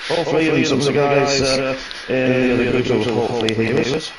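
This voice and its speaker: A man's voice: little pitch movement, brisk, far from the mic. A man doing live sim-racing commentary, chatty and full of fillers, his mic sounding like he is in a cave. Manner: chatty, with many fillers and hedges. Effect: echoey cave-like sound on his mic. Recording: echoey boomy mic with loud crowd noise.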